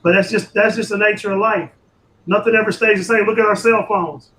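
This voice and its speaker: A man talking calmly in casual chat, reflective, with some hesitant fillers. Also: high voice, a little fast, a little hiss or hum. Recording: roomy echoey audio.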